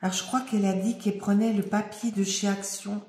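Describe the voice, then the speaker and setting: A woman chatting casually as she unboxes craft mail, her voice slightly hoarse and often dropping to a murmur. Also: mid-range voice, fairly even intonation, brisk. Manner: soft-spoken, often murmuring to herself. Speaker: crafting vlogger. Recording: echoey room, faint noise.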